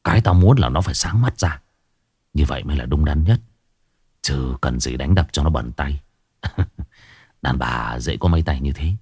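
A man's voice: husky, dry recording, clean studio sound, heavily acted. A man doing a cold, scheming gang boss. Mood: contemptuous. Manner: calm, low, measured.

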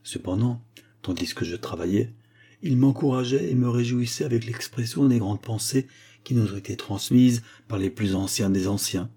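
A man reading a short story aloud as narrator, in a measured storytelling manner. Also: medium pitch, mellow, husky. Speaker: audiobook narrator. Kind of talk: scripted narration.

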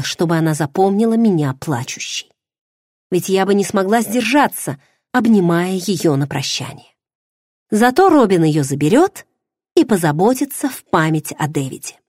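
Brief: expressive woman narrator, breathy voice with lively pitch, close dry mic, audiobook. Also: no room sound. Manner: emotional, expressive. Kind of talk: first-person audiobook narration.

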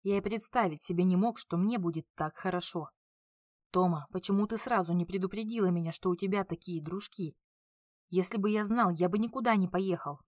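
A woman's voice: on the low side, fairly quick, darkish tone, dry recording, close to an everyday voice. A cold, worn-out beaten Frenchman, read by a woman in a clipped, tired voice. The sound is close and dry, with no room around it. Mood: bitter. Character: bitter beaten French man, cold and weary.

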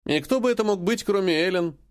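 A man voicing a stern alien rebel leader who speaks in a cold, grim, measured way. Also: high-pitched, lively intonation, smooth, pitched above the performer's own voice.

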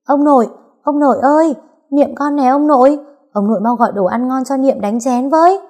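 A woman's voice: on the low side, fairly quick, mellow, natural voice. A woman voicing a cheeky, chubby little boy in a storybook reading, with a playful, wheedling child voice. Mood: excited.

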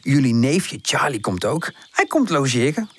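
A man's voice: mid-range voice, sing-song, unhurried. A man voicing a caring, motherly tree aunt in a children's story. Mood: kind. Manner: gentle, soothing, chatty.

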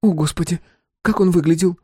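A man's voice: sits high, brisk, darkish tone, breathy edge, dry recording, pitched above the performer's own voice. A man reading an audiobook gives voice to a fretful, teasing young wife, in a dry studio sound. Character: anxious, sharp-tongued young wife. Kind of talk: audiobook character voice.

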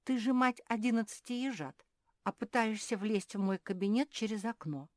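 A woman voicing a gentle lady detective. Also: medium pitch, sing-song, moderate pace, no echo, clean studio sound, voice pushed up. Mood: kindly. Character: polite, gentle female animal detective.

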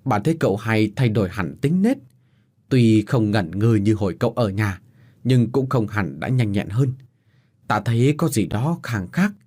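A man voicing a scolding, fussy old woman servant in a spoken story, with a husky, lively voice. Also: medium pitch.

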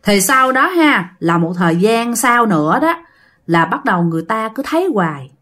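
A woman's voice: medium pitch, big pitch swings, normal speed, fairly bright tone. A woman tells ghost stories in a casual, chatty way, often turning to speak to her listeners directly. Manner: chatty, addresses listeners often, many fillers. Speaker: storyteller. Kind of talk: casual ghost story retelling.

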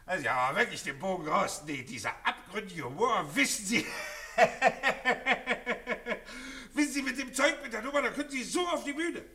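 An actor in a 1940s radio drama playing a condescending, jovial old colonel who laughs loudly and talks down to others. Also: male voice, very animated, moderate pace, a little hiss or hum. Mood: mocking mirth. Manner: booming guffaws, patronizing.

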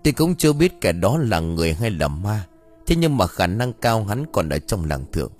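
A grave village master lays out his reasoning in a measured, solemn way, as a male narrator reads him. The voice stays mid-pitched and moves lively through each point, as in an audio storybook. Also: faint music behind. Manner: measured, analytical, solemn instructions.

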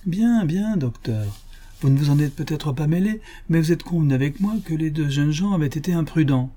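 A man's voice: fairly high pitch, lively intonation, moderate pace, warm tone, pitched above the performer's own voice. Lady Arabella, a sugary haughty aristocrat, read by a man. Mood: pleading, wheedling. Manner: sugary, insistent, lofty. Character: haughty scheming aristocratic lady, middle-aged mother.

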